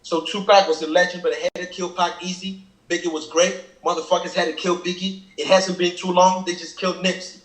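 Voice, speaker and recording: Here a high-voiced man with a level tone and a fairly quick pace explains his lyrics as a rapper. He comes from Cameroon, speaks Kenyang natively, and is earnest and thorough, repeatedly asking "you feel me" in an informal reaction chat captured in an echoey space.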